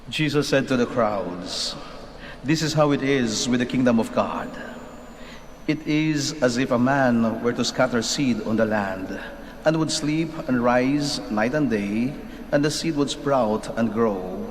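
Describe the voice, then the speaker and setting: A Filipino man leads Mass in a measured, deliberate voice, often tagging his phrases with a questioning "no?". His words ring out with a long cathedral echo in a large church. A faint noise sits beneath the sound. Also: medium pitch. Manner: measured, deliberate delivery with frequent tag "no?". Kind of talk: Mass gospel reading and homily.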